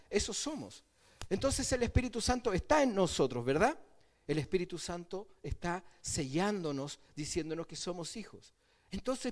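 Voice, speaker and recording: A male pastor, preaching a sermon in a conversational way and often checking that the congregation follows. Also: high voice.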